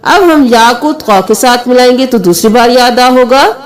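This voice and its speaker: A woman teaching Quran recitation, patiently spelling out letters and vowel marks one by one. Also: a little high. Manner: slow, patient letter-by-letter explanation, with sung recitation between. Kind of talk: tajweed lesson, spelling out letters.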